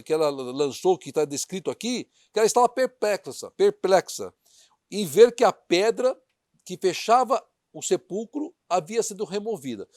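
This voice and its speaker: A man's voice: high-pitched, very animated, moderate pace, darkish tone, dry recording, studio quality. A man preaching a sermon in Portuguese style, reading scripture aloud and questioning his listeners directly in an earnest way.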